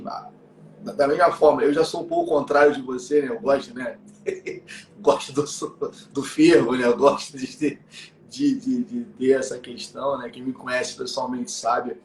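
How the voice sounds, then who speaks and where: A man chatting casually on a live stream as co-host, rambling with lots of fillers and tag questions. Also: mid-range voice. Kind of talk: casual chat. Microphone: live stream call mic. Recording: echoey room.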